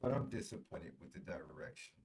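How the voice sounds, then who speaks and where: A man co-hosting a sports talk show, weary and halting, heard through muffled, low-quality connection audio that sounds underwater. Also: darkish tone. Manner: weary, exasperated, halting with many restarts.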